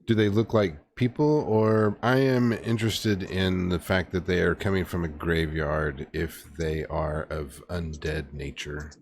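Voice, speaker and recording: Low-voiced man playing a tabletop game. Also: steady tone, unhurried, hardly any pauses, slight background noise. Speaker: player. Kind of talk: in-character tabletop role-play.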